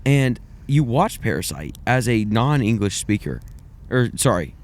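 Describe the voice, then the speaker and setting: A young man with a mid-range, sing-song voice talks a little slowly as he co-hosts a casual film podcast. He rambles and hedges through his take, often putting himself down along the way.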